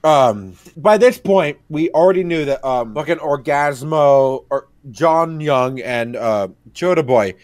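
A man in casual podcast chat, excitable and profane as he recaps movie scenes. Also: fairly high pitch, measured pace, few pauses. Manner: excitable, swears a lot, loud outbursts.

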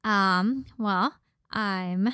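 A young adult woman speaks very slowly as a podcast guest, her medium-pitched voice pushed, bright, clear, and resonant, recorded cleanly in a studio with no room sound. Born in Mexico and from Los Angeles, she's a model and personal trainer with a slight Valley girl Californian accent, chatting in a casual conversational interview.

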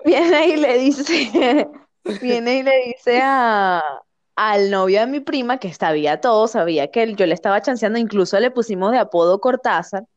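A young Venezuelan woman tells a story in animated, slangy chat and laughs often. Her voice sits a little high. The recording is dry and a bit dull. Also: moderate pace, no room sound.

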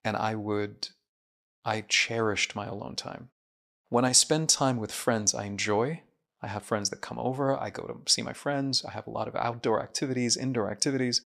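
A man's voice: mid-range voice, fairly even intonation, moderate pace, vocal fry, a bit bright. A man, a guest speaking in an earnest, introspective way, with small restarts. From Saudi Arabia. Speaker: guest, mind researcher and coach. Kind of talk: reflective interview talk.

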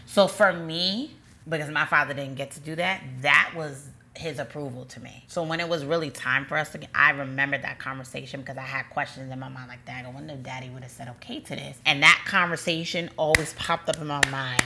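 Low-voiced woman telling a story, animated. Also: a little fast. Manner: animated, acts out quoted voices, frequent "like". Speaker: storyteller recounting her courtship. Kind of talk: casual storytelling chat.

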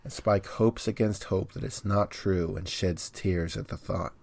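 A man co-hosting a podcast, recapping an episode's plot in a steady storytelling way with dry humor. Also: sits low, unhurried, creaky, dry recording.

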